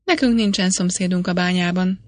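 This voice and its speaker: A woman's voice: on the low side, no room sound, lightly acted. A woman voicing an earnest young male miner, speaking in an eager way.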